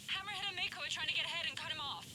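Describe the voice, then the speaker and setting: A woman's voice: extremely high pitch, racing. A woman voicing a wounded young staff analyst who pleads for help over a jammed radio channel full of static. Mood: urgent, pleading. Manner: urgent, strained and pleading. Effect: jammed radio transmission full of static. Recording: distant radio voice under loud static.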